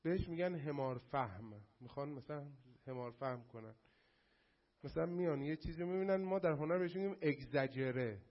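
Animated male lecturer, lo-fi recording. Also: a little high. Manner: animated, addresses the class, acts out mocking quotes. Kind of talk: lively class lecture on art and aesthetics.

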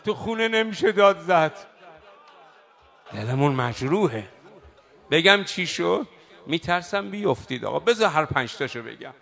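Gravelly high-voiced man chanting a sermon. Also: sing-song. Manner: swings between drawn-out shouted chanting and hushed storytelling. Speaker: preacher. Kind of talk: religious sermon with chanted eulogy. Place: religious hall at a night gathering.

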